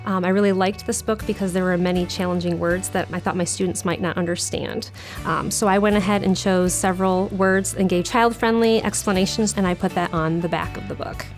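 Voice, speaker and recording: Reading aloud and teaching young children, this teacher explains her method and puts words and lessons in simple, child-friendly terms, posing questions to her pupils. Her voice is lowish and fairly even in intonation, a little fast, with faint music in the background.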